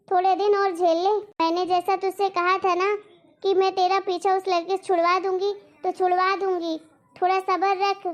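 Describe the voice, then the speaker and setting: In a Hindi cartoon drama, a woman voices a domineering, money-hungry middle-aged mother-in-law who nags and won't let up. Her voice is pitch-shifted, and the audio has a muffled, lo-fi quality.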